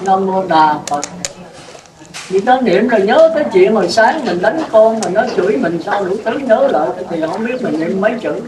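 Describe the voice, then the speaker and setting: A Buddhist monk giving a sermon in a plain-spoken way, putting questions to his listeners. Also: high voice. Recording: roomy, distant mic with clear noise.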